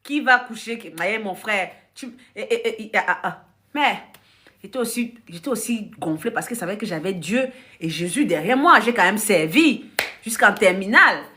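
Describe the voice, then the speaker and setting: A woman from Africa, a life coach, telling stories on a live stream. She laughs often, acts out conversations and talks bluntly to her viewers. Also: on the high side. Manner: animated storytelling with frequent laughter, acting out dialogue; blunt, direct addressing of the audience. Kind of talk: casual live-stream monologue.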